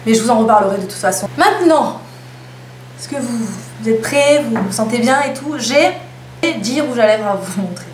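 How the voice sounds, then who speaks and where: A woman's voice: a little high, brisk. Chatty young woman, echoey room. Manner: chatty, self-mocking asides. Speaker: beauty vlogger. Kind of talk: casual haul video. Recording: echoey room with faint hum.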